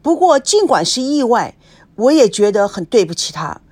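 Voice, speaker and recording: A woman's voice: a little high, big pitch swings, moderate pace, a little mellow, slightly rough. A woman doing a nervous, remorseful young man. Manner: hesitant, stammering apology.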